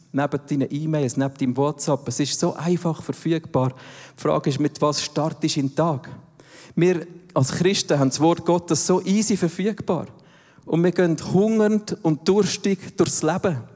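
A man's voice: on the high side, warm tone, long reverb tail. A man preaching a sermon, emphatic and full of direct questions to the listener. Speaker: pastor.

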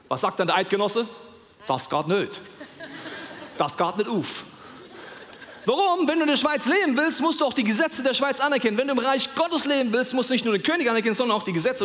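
A man preaching a sermon in an animated way, speaking straight to his listeners with questions. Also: very high voice, fast talker, hardly any pauses. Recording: long hall reverb.

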